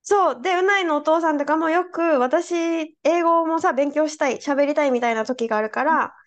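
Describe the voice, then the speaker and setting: A woman co-hosting a travel podcast, explaining things in quick casual chat with laughs. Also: high-pitched, highs cut off. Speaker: podcast co-host.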